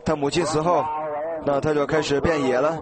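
A man delivers an earnest sermon, telling a story and urging his listeners on. His voice sits a little high for a man. A loud crowd fills the space behind him. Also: level tone, fairly quick. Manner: earnest, exhorting, acts out quoted dialogue. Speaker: preacher.

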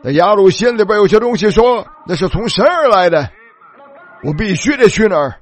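Fervent preacher guy, pretty high voice, gets shouty, sounds like an old radio recording. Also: expressive, fairly quick. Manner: fervent, rising to shouts, retelling scripture dramatically. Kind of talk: sermon.

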